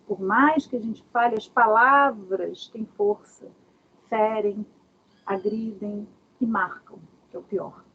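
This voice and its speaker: Uma mulher dá um workshop online de casa, com jeito animado e muitas perguntas retóricas. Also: female voice, mid-range voice, takes it slowly. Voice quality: very husky. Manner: animated, asks many rhetorical questions. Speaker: workshop speaker. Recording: dull lo-fi video call audio.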